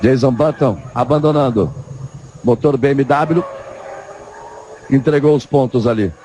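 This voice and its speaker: Speaking at medium pitch and a little slowly, a man with a Brazilian accent commentates a race live for television as a motorsport commentator. Engines are loud in the background throughout.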